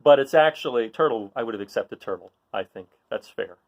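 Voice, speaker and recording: Reading a picture book aloud to children, a man keeps the mood encouraging and frequently poses questions to his audience. He speaks in a mid-range voice that is animated and brisk.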